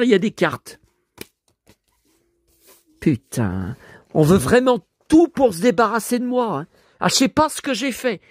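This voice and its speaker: A hoarse man talking to his viewers at home, showing off his finds as a collector. He rambles, grumbles, swears often and keeps addressing the audience. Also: sits high, dry recording, clean studio sound. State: hoarse, voice worn out. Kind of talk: rambling vlog talk to viewers.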